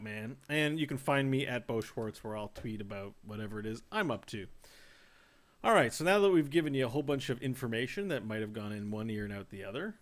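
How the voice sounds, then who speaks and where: A man hosting a casual livestreamed gaming podcast, rambling and joking as he draws out his setups. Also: medium pitch. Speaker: podcast host.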